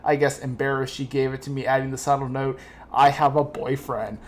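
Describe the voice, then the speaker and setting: A man hosts a podcast in a loose, joking chat, reading listener emails aloud between quips. His voice sits at an ordinary middle pitch. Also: little pitch movement, a little fast. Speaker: podcast host. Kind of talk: casual comedic podcast chat.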